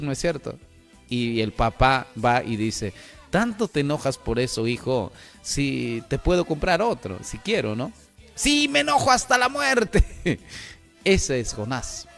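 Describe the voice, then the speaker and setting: A man preaching a sermon, chuckling often and asking "¿no es cierto?" again and again. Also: on the high side. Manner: animated, chuckling, repeats "¿no es cierto?".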